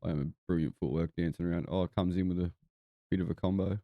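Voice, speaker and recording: A man's voice: low-pitched, fairly even intonation, fast, no room sound, lo-fi sound. A man with a broad New Zealand accent giving casual, laid-back, sweary live fight commentary. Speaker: boxing watch-along podcast host.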